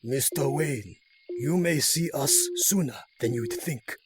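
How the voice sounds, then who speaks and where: A man playing a wise old mutant rat master in an audio drama, solemn, formal and deliberate. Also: medium pitch, animated, background noise. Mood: solemn calm.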